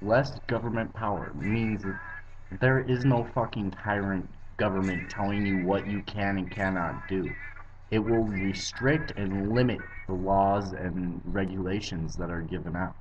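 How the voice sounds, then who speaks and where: A young Arizona man with a low-pitched voice and fairly even intonation delivers an opinionated political rant in a vlog, speaking a little slowly. He bluntly lectures viewers, swearing plenty, over dull lo-fi webcam audio.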